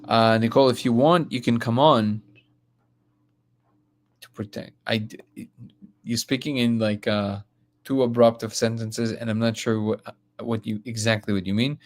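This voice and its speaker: A man's voice: mid-range voice, steady tone, a little slow, pauses often. A man from Russia hosting a live stream, reading comments aloud and talking bluntly with frequent restarts.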